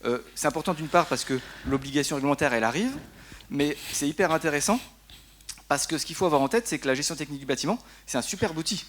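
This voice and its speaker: A man's voice: fairly high pitch, fast, fairly bright tone, slight background noise. A man, a deputy director, explaining energy policy on a conference panel, tagging his sentences with "hein". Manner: explanatory, frequent tag "hein", some fillers. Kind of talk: conference round-table presentation. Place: conference hall.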